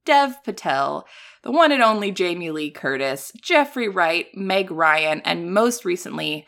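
A woman co-hosting a podcast in casual, playful chat, quick with jokes. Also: lowish voice, lively intonation, gravelly, fairly bright tone. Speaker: podcast co-host. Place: home recording setup.

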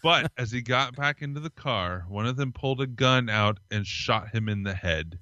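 A man's voice: mid-range voice, lively intonation, moderate pace, bright, forceful tone, no echo, lo-fi sound. A man co-hosting a podcast, reading strange news stories aloud in a casual chat, with small laughs and fillers. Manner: reads from articles, laughs, hesitant fillers. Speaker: podcast co-host.

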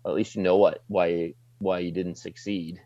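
A middle-aged man with a fairly low voice and a light Maritime Canadian twang talks casually, like a broadcaster off duty. He is plain-spoken and slangy, in a dry, slightly dull recording. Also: level tone, moderate pace, warm tone, no echo. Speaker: sports broadcaster, desk anchor. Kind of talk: casual interview chat.

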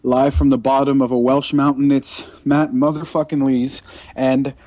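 A man's voice: mid-range voice, little pitch movement, moderate pace, warm tone, no echo. A man hosting a podcast like a showman ringmaster, with grand, sweary, jokey introductions in casual banter. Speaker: podcast host.

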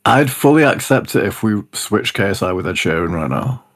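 A man's voice: on the low side, expressive, fairly quick, a bit bright. A young man, bantering casually about music in a laid-back, slangy way.

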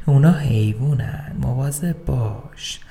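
A man voicing a friendly plainclothes officer who speaks quietly and slowly in a confiding tone. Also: mid-range voice, vocal fry, slight background noise, lightly acted. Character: soft-spoken plainclothes male officer, friendly.

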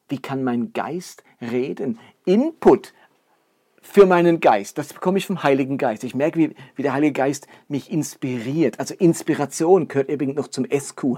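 A man's voice: a little high, mellow. A man giving a sermon, explaining earnestly and building his points with lists and rhetorical questions. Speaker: preacher. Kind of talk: sermon teaching.

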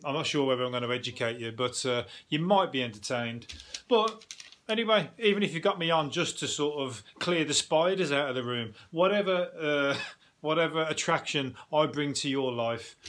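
A man's voice: a little high, fairly bright tone. A British man hosting a podcast as a casual solo chat, rambling and irreverent, with plenty of swearing. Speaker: podcast host.

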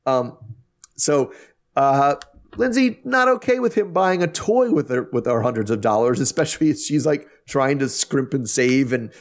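A man hosting a podcast, recapping an episode in a wry, animated way, with many restarts. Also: mid-range voice, moderate pace. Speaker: podcast host. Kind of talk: casual recap chat.

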